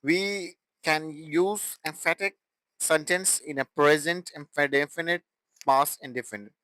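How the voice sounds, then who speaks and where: A young man teaching an English grammar lesson, explaining slowly and deliberately and repeating example sentences. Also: fairly high pitch, sharp tone, no echo, poor audio.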